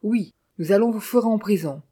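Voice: medium pitch, fairly quick, dark tone, husky, pitched above the performer's own voice, lightly acted. A narrator voicing a coarse, bullying police captain who talks sarcastically and blusters. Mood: blustering. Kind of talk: audiobook character voice.

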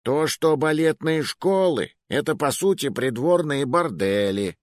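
A swaggering, brash bruiser barks out his lines loudly and bluntly, as a male storyteller puts him on. The voice is lively and swings widely. It is recorded close and dry. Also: fairly high pitch, a little slow, no echo, pitched above the performer's own voice. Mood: mocking. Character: rough, swaggering burly man, blunt and brash.

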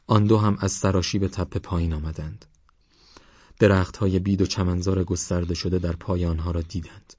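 Deep-voiced male audiobook narrator. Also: no room sound. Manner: calm, measured storytelling. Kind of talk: scripted narration. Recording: dull dry studio recording.

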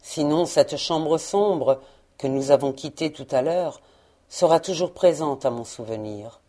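A woman reading the lines of an old miserly man who pleads quietly with a spirit in a storybook. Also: sits low, measured pace, voice pushed down. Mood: pleading.

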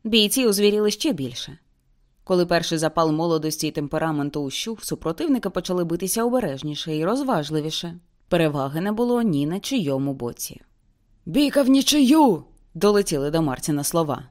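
A woman's voice: deep voice, lively intonation, darkish tone. Woman narrating a dramatic audiobook. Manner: intense, slows for grim moments. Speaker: audiobook reader.

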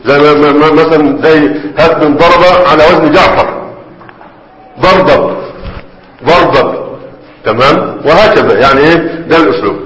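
A man's voice: a little high, normal speed, fairly bright tone. Egyptian man lecturing in an echoey hall. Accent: Egyptian Arabic. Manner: conversational, keeps checking in with students. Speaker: teacher of Arabic grammar. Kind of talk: classroom lecture. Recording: echoey hall, faint background noise.

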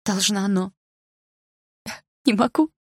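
A woman's voice: medium pitch, takes it slowly, a little mellow, no echo, clean studio sound, pitched above the performer's own voice. A woman voicing a desperate young woman in love, pleading and crying out in an audiobook.

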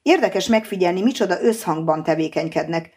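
Low-voiced woman reading an audiobook. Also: lively intonation, darkish tone, slightly rough. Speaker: audiobook narrator. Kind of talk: scripted narration.

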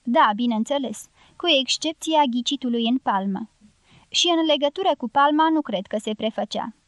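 A woman's voice: sits high, no echo, lightly acted. A woman reading a skeptical young man's thoughts. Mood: musing. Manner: wry, reasoning inner monologue. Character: young American man, dry and skeptical.

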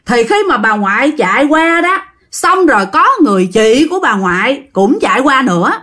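A woman with a Southern Vietnamese accent tells a ghost story in a relaxed, chatty way, turning to her listeners as she goes. Her voice sits a little high and swoops widely up and down. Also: moderate pace. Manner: chatty, addresses listeners directly, acts out quoted speech. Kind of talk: casual spoken ghost story narration.

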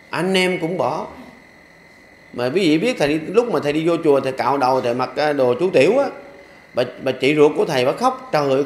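An older man who is a Buddhist monk, speaking with a Southern Vietnamese accent, preaching in a folksy, joking way with rhythmic repeated refrains in a temple hall. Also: fairly high pitch. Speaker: Buddhist monk giving a dharma talk. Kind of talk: sermon. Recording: echoey hall with faint ambience.

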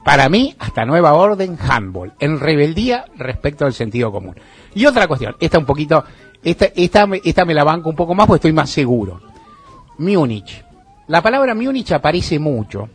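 Man, Argentine accent, radio host, husky voice, fairly high pitch, wry and ironic, faint music bed behind. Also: sing-song, fairly quick. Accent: Argentine Spanish. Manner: wry, ironic, chuckles while talking. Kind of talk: casual radio monologue.

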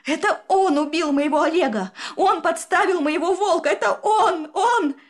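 A woman's voice: very high-pitched, normal speed, voice pushed up. A woman voicing a distraught schoolgirl with a ringing, trembling voice in a storybook reading. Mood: desperate. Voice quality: ringing girlish voice. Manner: trembling, breaking into cries. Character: schoolgirl accused of spying, distraught.

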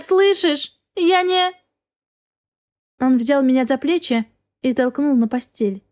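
Woman audiobook narrator, first-person story, kinda high voice, intense dramatic read. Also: dark tone.

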